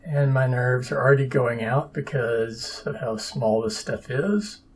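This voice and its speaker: A man's voice: medium pitch, unhurried, slightly rough. A man narrating his own papercraft build in a casual, dry, sarcastic and self-deprecating way. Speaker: papercraft hobbyist.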